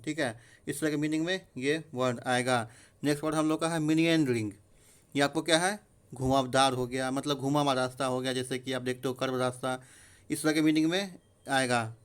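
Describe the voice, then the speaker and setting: A man explaining English vocabulary in Hindi, reading the English definitions out slowly. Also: fairly high pitch. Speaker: vocabulary teacher. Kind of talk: explaining word meanings in a recorded lesson.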